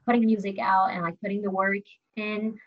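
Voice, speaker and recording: At medium pitch and a brisk pace, this young woman from Brazil keeps a level tone while chatting as a musician guest in an interview. Her talk is casual and full of fillers like "like," with small laughs mixed in, on slightly dull lo-fi audio.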